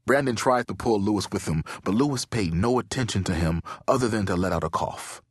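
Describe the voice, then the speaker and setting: A man reads a children's audiobook with expressive storytelling, his fairly low voice rising and falling widely. There is a husky grain to it, and the recording is dry and close. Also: a little fast, no echo. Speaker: audiobook narrator. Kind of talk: scripted audiobook narration.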